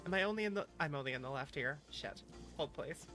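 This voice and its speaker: A deep, expressive female voice, fast and a bit bright, belongs to a virtual YouTuber livestreaming with background music. She chats casually with viewers, teasing them playfully and reacting animatedly to chat.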